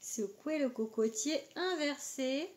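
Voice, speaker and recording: A woman's voice: sits high, lively intonation, slow pace, noisy background. A woman giving a casual astrology card reading, talking hesitantly with many filler words. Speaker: oracle card reader.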